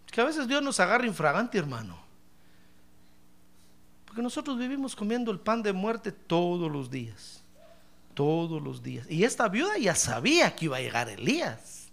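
A man's voice: high-pitched, sing-song, moderate pace, creaky, a bit bright. A man preaching a sermon to his congregation, emphatic and often calling out to his listeners. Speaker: pastor.

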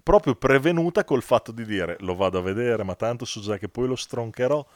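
A man's voice: mid-range voice, animated, fairly quick, no room sound, studio quality. A man in casual back-and-forth film chat, agreeable and often confirming what is said.

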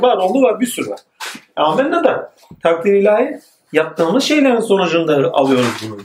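A man giving a spoken religious lecture, rising emphatically and then dropping to low asides. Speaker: religious teacher. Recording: echoey room with faint noise.

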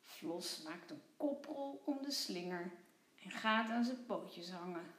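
A woman teacher reading a children's story aloud, expressive and clear. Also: lowish voice, slow. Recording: echoey room.

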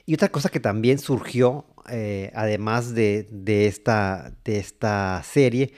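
A man with a Mexican accent giving casual, rambling commentary, halting and repeating words. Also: lowish voice, darkish tone. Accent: Mexican Spanish. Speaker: host. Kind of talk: casual commentary on old cartoons.

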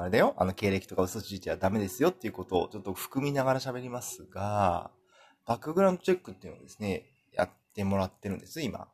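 A man from talks on his solo podcast, his coming through in a fairly low, husky voice. His pitch swings widely as he rambles, pokes fun at himself and breaks into laughter. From Kumamoto, Japan. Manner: rambling, self-deprecating, laughs often. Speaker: podcast host.

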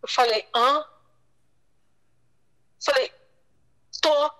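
High bright woman, middle aged, retelling a scary story, lots of restarts and repeats. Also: a little fast, poor audio. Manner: distressed, repeats and restarts, quotes others. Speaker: guest telling her story. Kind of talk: emotional personal storytelling.

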